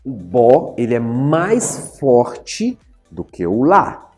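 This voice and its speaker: A male teacher giving an animated writing and grammar lesson at a whiteboard, playfully addressing his students and stretching out key words as he explains. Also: medium pitch, extremely slow, faint music behind. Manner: animated, playfully addresses viewers as "senhores, senhoras e senhoritos". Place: in front of a whiteboard.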